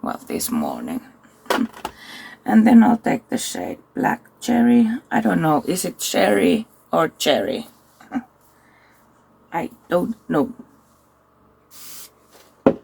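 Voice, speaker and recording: A tired woman, chatting casually through a makeup tutorial and thinking aloud with soft asides. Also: on the low side, huge pitch swings, takes it slowly, vocal fry, long pauses, slight background noise. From Finland. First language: Finnish. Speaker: makeup vlogger.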